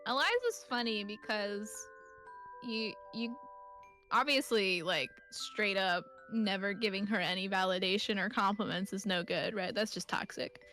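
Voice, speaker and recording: A woman's voice: medium pitch, measured pace, pushed and bright, soft background music. A woman guest on a stream, chatting casually with friends, teasing and acting out quotes. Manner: teasing, acts out quotes in a sing-song voice.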